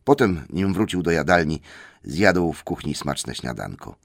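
A male audiobook narrator with a very low voice who tells the story in a measured way. His intonation rises and falls widely. The recording is dry and close. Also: sing-song, creaky, dry recording.

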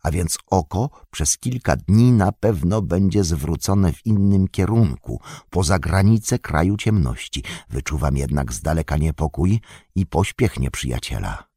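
A man voicing a grave, weary old wizard in an audiobook, deep and measured. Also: lively intonation, mellow, slightly rough, no room sound, studio quality, heavily acted. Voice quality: deep, slow and measured, drops to a whisper. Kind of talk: audiobook reading.

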